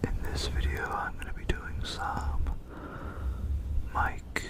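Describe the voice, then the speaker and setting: A man speaking in a breathy, unvoiced ASMR whisper, rambling through semi-intelligible storytelling. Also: takes it slowly. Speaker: ASMR video creator.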